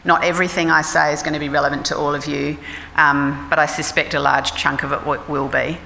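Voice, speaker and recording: A woman's voice: low voice, flat delivery, fairly quick, vocal fry, sharp tone, slight background noise. A middle-aged Australian woman, a clinical psychologist, giving a frank, conversational talk at a forum. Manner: frank, conversational, self-deprecating. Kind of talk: informal public talk. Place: forum hall. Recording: reverberant hall with faint ambience.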